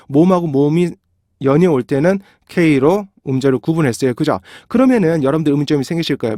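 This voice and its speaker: A man gives a recorded pronunciation lesson in a slightly high voice. He drills syllables one at a time and keeps checking that his viewers follow. The sound is dry and close to the mic. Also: darkish tone, no room sound. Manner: drills syllables slowly, repeats sounds, asks "그죠?" often. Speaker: English pronunciation teacher.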